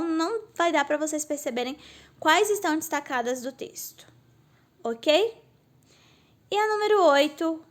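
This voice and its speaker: A female teacher giving a recorded lesson, patiently explaining step by step and answering her own questions. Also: high voice. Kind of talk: recorded remote class lesson.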